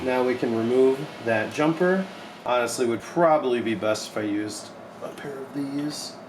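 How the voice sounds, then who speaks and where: In a cluttered little electronics repair workshop indoors, a young technician shows how to do a modification. His mid-pitched voice moves at a moderate pace as he lays out every step in plain, informal terms, like he's working at the bench. The room sounds echoey, with noise in the background.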